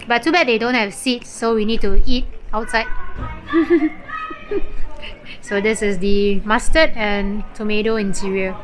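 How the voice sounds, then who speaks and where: A woman's voice: mid-range voice, steady tone, moderate pace, few pauses, music in the background, rough recording. A woman narrating a casual travel vlog outdoors, chatty and explanatory with lots of filler words like "so" and "like". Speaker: travel vlogger.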